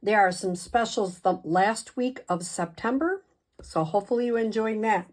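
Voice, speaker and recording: A woman's voice: medium pitch, animated, moderate pace. A woman giving a casual craft tutorial in a chatty, hesitant way, with a slight lisp as after dental work. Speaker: craft demonstrator and video host.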